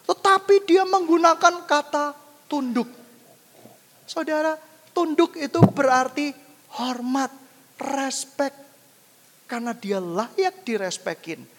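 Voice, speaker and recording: A man preaching a sermon to a congregation, animated and full of rhetorical questions. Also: extremely high pitch, slow pace, long pauses, long reverb tail. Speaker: pastor.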